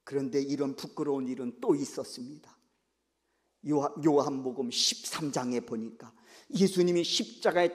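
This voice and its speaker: A male pastor preaching a sermon in an animated style, acting out scripture scenes, in a church sanctuary. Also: high voice. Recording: echoey church hall.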